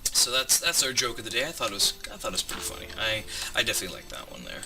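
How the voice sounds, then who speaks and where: A man's voice: mid-range voice, big pitch swings, racing, recorded from a distance, over music. A man in his twenties hosting a Let's Play, rambling through a joke and stopping mid-sentence to count aloud. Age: 20s. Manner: rambling, self-interrupting, stops to count aloud. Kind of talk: gameplay commentary. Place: home room with squeaky chair.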